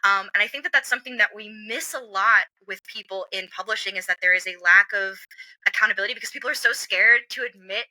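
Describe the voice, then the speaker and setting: A woman's voice: mid-range voice, fast talker, no room sound, rough recording. A woman guest in a casual interview, telling work stories with many fillers and acting out quoted voices. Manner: animated storyteller, acts out quoted voices; frequent "like" and "um" fillers. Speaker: comics industry guest.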